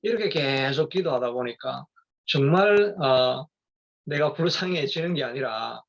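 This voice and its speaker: Middle-aged male pastor, gravelly, talks off the cuff with fillers and restarts; muffled lo-fi sound. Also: medium pitch, animated, measured pace. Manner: rambling, conversational, many fillers and restarts. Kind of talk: sermon.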